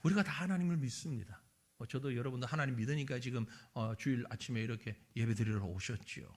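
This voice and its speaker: A man's voice: mid-range voice, fast talker. A middle-aged man, a pastor preaching a Sunday sermon in a church and acting out the dialogue of scripture scenes. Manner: animated preaching, acts out dialogue between God and Abraham. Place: church sanctuary.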